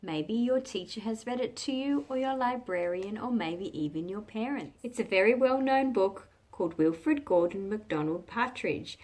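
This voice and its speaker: Reading to children, an expressive Australian woman uses a mid-range voice and measured phrasing. As a read-aloud host, she explains the stories and puts simple questions to her listeners.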